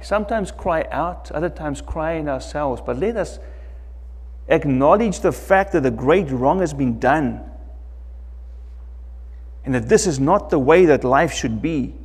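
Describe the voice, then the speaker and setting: Middle-aged man, pastor, sermon, slow deliberate preaching, long church-hall reverb. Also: on the high side, animated, slightly rough. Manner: slow, emphatic preaching with wide swings in loudness. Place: church sanctuary, indoors, preaching at a lectern.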